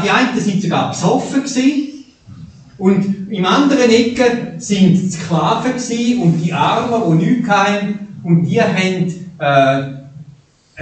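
Preacher in an echoey hall. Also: male voice, sits high. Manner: animated, shifting between soft and raised. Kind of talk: sermon. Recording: echoey hall, distant mic.

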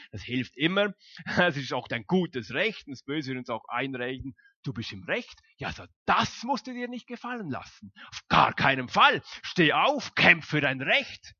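A preacher voicing the voice of evil as a mocking, goading tempter. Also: male voice, husky, dry recording, heavily acted. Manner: mocking, goading, high and loud. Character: sneering tempting voice of evil, male. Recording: dull, dry lo-fi sound.

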